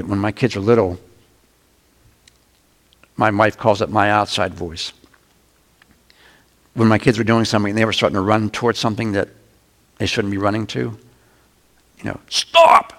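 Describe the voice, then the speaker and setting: A middle-aged man, a pastor, preaching a conversational sermon with sudden loud shouts. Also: on the low side.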